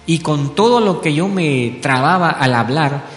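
A man's voice: a little high, animated, a little slow. A man from Belize giving an earnest spoken testimony in church, telling his story with frequent tag questions. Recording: echoey hall with soft music.

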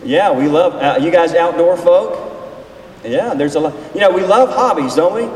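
Speaking at normal speed with a slightly high, darkish voice, this forties-aged pastor runs a seminar session as an informal sermon, folksy and conversational, engaging the group with questions. Captured from afar in a large reverberant hall, the audio is echoey and noisy.

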